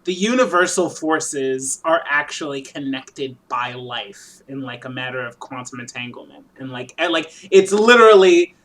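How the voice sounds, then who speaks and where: A woman's voice: extremely low pitch, expressive, moderate pace, few pauses, a bit bright. A woman co-hosting a podcast, talking casually about a movie, full of fillers and freely swearing. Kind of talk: casual movie review chat.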